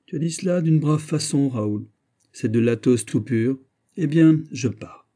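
A man's voice: medium pitch, a little slow, pitched above the performer's own voice, lightly acted. A man reading an audiobook and voicing a bold, mocking middle-aged male musketeer. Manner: lively, boastful, mocking. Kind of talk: audiobook character voice.

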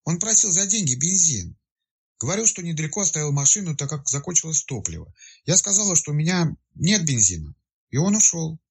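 A man voicing a sleepy, grumbling village woman woken in the night, in a raised pitch and a slightly husky voice. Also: sing-song, a little fast, exaggerated voice. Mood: sleepy chatty. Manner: grumbling, then frightened and chatty.

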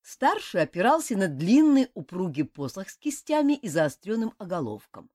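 A woman's voice: medium pitch, moderate pace. A woman reading a fantasy novel aloud as an audiobook narrator, telling it expressively. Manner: expressive storytelling. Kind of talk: scripted narration.

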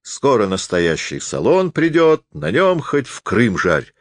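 A man's voice: medium pitch, wildly swooping pitch, measured pace, no echo, studio quality, voice pushed up. A man playing a boastful, petulant middle-aged schemer who talks with smug, relishing bluster.

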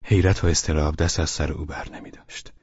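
A man narrating a literary audiobook in a measured, steady reading voice. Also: rumbling low, breathy edge, no room sound, highs cut off.

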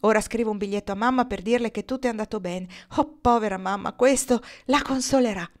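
A woman reading the part of an excitable, outspoken young female student in an audiobook, with a lively, exclamatory delivery. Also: fairly high pitch, quick pace, natural voice. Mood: exclaiming.

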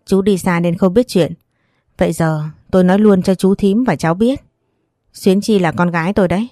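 A woman's voice: fairly low pitch, normal speed, warm tone, no echo, clean studio sound, faint music behind, natural voice. A woman voicing a stern, protective older man who speaks firmly and scolds his relatives. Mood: angry. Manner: firm, scolding.

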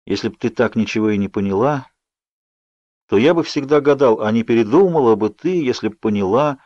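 Storybook role: man reading a wounded, gently teasing young man, low and subdued, lo-fi. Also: lively intonation, brisk, no echo, natural voice. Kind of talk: audiobook reading. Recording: dull lo-fi audio.

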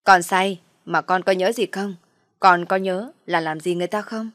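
A woman voicing a caring, shrewd aunt who asks calm, probing questions. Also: lowish voice, moderate pace, no room sound, studio quality, lightly acted.

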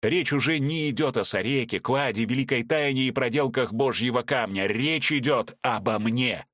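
A man voicing a cruel, vengeful male villain in an audiobook, gloating and ranting between low menace and shouting. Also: moderate pace, no room sound, studio quality, natural voice. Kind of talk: audiobook character reading.

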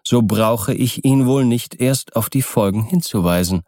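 A man voicing a mysterious, polite male visitor who seems not of this world, speaking in a courteous, quietly stern way. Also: medium pitch, unhurried, no room sound, clean studio sound, close to an everyday voice. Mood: calm courteous.

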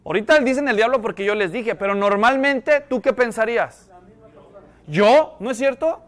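A man's voice: very high-pitched, moderate pace, a bit bright. A man preaching a sermon as pastor, asking the congregation one rhetorical question after another.

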